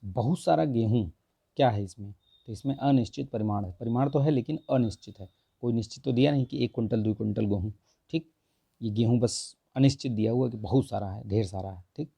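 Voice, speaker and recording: A man with a hoarse, strained throat teaching a Hindi grammar lesson for an exam, going through test answers and repeating "okay" often. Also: mid-range voice, a little fast, dark tone, no echo. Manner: repeats "theek hai" constantly, corrects answers with mild humor.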